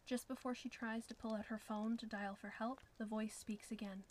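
A woman reading a scripted horror story in a hushed voice, often sliding into whispers. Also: on the high side, steady tone, normal speed, low-quality recording. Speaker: narrator.

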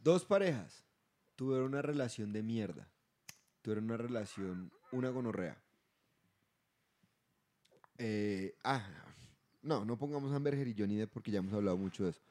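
Colombian male co-host, mellow tone, lively anecdote teller who cracks himself up. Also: lowish voice, normal speed, pauses often. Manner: animated storyteller, laughs at his own tales. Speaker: podcast co-host. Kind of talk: casual chat.

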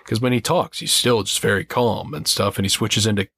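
A man's voice: fairly low pitch, fairly even intonation, a little fast, a bit bright, husky, dry recording, clean studio sound. A man in casual podcast chat, analytically explaining how voices are made.

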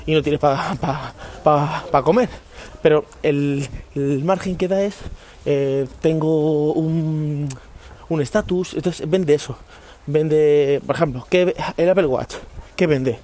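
Man host from Spain, casual rambling monologue, slightly high voice, talking from a parked car. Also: measured pace, a little mellow. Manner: rambling, frequent restarts and swearing. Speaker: podcast host. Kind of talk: casual chat.

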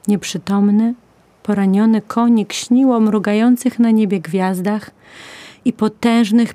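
Woman storyteller, children's story, gentle measured read, slow pace, mellow voice, dry close recording. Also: mid-range voice, no echo. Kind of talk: scripted children's story narration.

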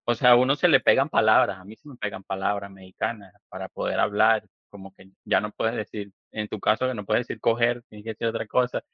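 A Venezuelan man with a Venezuelan accent, hosting a podcast in a relaxed, casual way and laughing often. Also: fairly low pitch, a little fast, hardly any pauses, no room sound. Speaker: podcast host. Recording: dull lo-fi recording.

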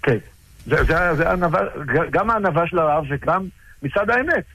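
A middle-aged man casually recounting personal stories about his rabbi, halting with frequent restarts. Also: fairly high pitch, animated, pushed and bright, no echo, low-quality recording. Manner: halting, with many restarts and fillers. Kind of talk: casual storytelling.

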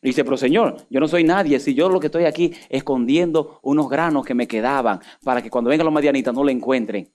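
A man preaching a sermon, swinging from loud emphatic peaks down to low asides. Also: brisk, hardly any pauses. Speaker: pastor.

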